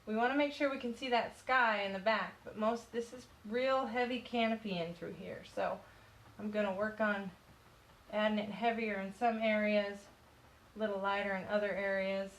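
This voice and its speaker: A woman's voice: medium pitch, steady tone, moderate pace, muffled recording. A woman with a Southern US accent teaching a live-stream painting tutorial, chatty and loose, talking through each step as she works. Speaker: painting instructor. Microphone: phone on live stream.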